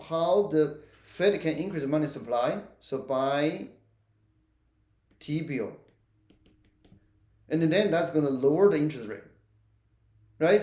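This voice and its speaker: A man's voice: on the high side, warm tone, echoey room. A man giving a recorded economics lecture, who often checks in with "right?" and restarts his phrases mid-sentence.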